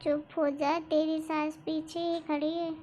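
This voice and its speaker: A woman's voice: very high voice, flat delivery, slow, sharp tone, heavily acted. A woman voicing a chatty young female friend in a cartoon, talking in a teasing, casual way. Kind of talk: cartoon voice acting. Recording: dull lo-fi recording.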